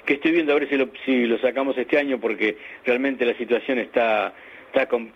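A man's voice: mid-range voice, fairly even intonation, a little fast, slightly rough, lo-fi sound. A man with an Argentine accent, a journalism teacher and author, explaining his views in an interview with emphatic, hesitant speech. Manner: didactic, emphatic, with hesitant restarts. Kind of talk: interview over the radio.

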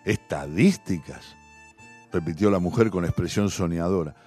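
A man with a Rioplatense accent narrating a short story in a measured, expressive way. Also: lowish voice, dry recording, faint music behind. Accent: Rioplatense Spanish. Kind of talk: audiobook story reading.

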